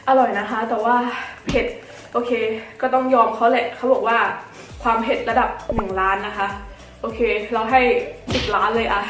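Woman, fairly high pitch, casual conversational vlog host, addresses viewers often, echoey room, music underneath. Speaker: host of a food challenge vlog. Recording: roomy echo.

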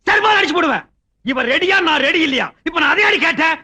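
High, bright, bellowing comic groom, all sarcasm and insults. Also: male voice, animated, fast talker, full character voice. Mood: exasperated shouting. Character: hot-tempered loudmouth groom, insulting and sarcastic. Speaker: comic actor in a film scene. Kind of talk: film comedy acting.

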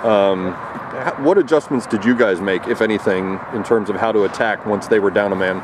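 A man interviews a coach after a game, asking measured, detailed questions. His voice is somewhat low. Clear traffic noise carries around him outdoors at night. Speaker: reporter.

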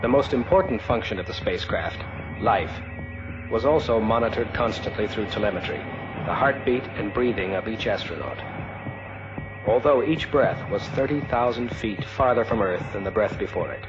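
Low-voiced solemn male documentary narrator. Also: lively intonation, music in the background. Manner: solemn, poetic, measured phrasing. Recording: dull archival film sound, noisy hum.

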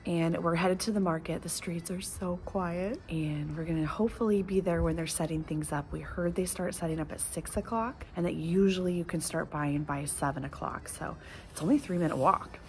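A woman's voice: fairly low pitch, moderate pace. A woman vlogger with her early-morning voice, chatting enthusiastically as she shops an outdoor flea market and now and then dropping to a whisper. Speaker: vlogger and host. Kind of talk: casual shop-along vlog. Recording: background music under the voice. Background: music.

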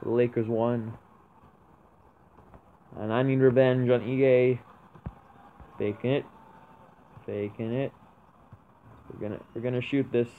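Excitable young gamer on a tinny mic. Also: male voice, medium pitch, takes it slowly, pauses often. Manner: excitable, shouts "oh my god" at big plays. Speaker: gaming YouTuber. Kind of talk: excited gameplay commentary. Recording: tinny lo-fi mic with faint noise.

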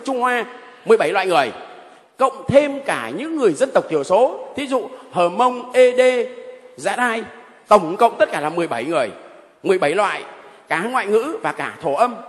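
Animated priest with a high, lively voice. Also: male voice, in a large hall. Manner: animated storytelling, addressing the congregation directly. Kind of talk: sermon. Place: church.

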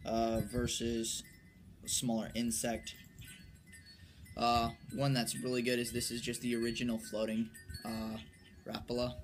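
With a fairly bright tone, a young man in his late teens or early twenties presents his fishing tackle off the cuff, trailing off in a halting, low-key way as he handles each item. The setting is a covered wooden porch outdoors; a phone or camera at arm's length captures noticeable background noise.

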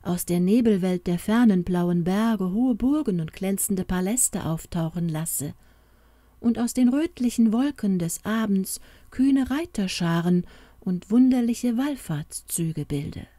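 A woman voicing a wise, gentle fairy queen who soothes her daughter in a motherly way. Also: mid-range voice, expressive, a little slow, dry recording. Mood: soothing.

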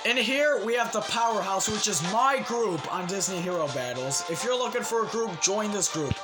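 High-voiced man doing game commentary. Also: lively intonation, moderate pace. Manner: pleading, cheering at the game, then outro pitch. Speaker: gaming channel host. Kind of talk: excited gameplay commentary. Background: loud game music.

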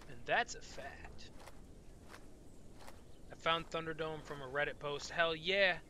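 A man with a slightly high, pushed and bright voice speaks slowly against slight background noise. He's live-streaming a game with casual commentary, tired and yawning, chatting loosely to viewers and swearing often.

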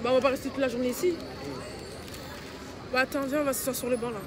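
A woman's voice: sits high, steady tone, fast talker. A woman, chatting casually in slang. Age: 20s. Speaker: vlogger. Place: outdoors at a busy funfair. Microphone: phone at arm's length. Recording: noisy outdoor fairground with crowd.

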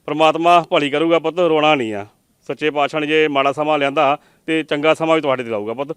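A man's voice: on the high side, fast talker, a bit bright, clean tone, dry recording. A man from Punjab reporting from a flood-hit home, speaking in an emotional, consoling and sympathetic way. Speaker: field reporter.

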